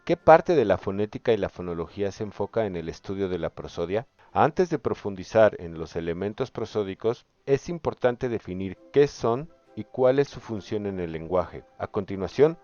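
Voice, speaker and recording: Low-voiced young man narrating a lesson. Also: lively intonation, darkish tone, dry recording. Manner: measured, explanatory. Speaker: student presenter. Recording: dull lo-fi voice-over.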